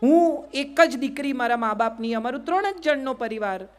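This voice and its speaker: Brief: middle-aged Gujarati woman, high voice, motivational speaker, quizzes the crowd. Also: expressive, moderate pace, soft background music. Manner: asks the crowd rhetorical questions, repeats "yes or no". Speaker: public speaker. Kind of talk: motivational speech to a live audience.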